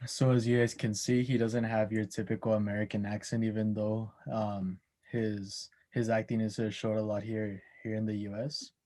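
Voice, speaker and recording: A man's voice: on the low side, flat delivery, normal speed, hardly any pauses, mellow. A young man giving a class oral presentation, hesitant, with many ums and restarts. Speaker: student presenter.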